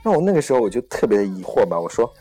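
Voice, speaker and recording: A young man with a husky, low-mid voice hosts a relaxed talk show, pausing often with fillers and correcting himself as he goes. Faint music sits behind him. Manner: hesitant, many fillers and self-corrections. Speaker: host. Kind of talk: casual chat on a podcast-style program.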